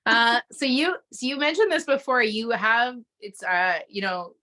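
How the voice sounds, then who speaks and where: Host: bright, upbeat woman, gushing interviewer. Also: on the high side, unhurried. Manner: enthusiastic, warm interviewer with rambling questions. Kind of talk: casual interview chat.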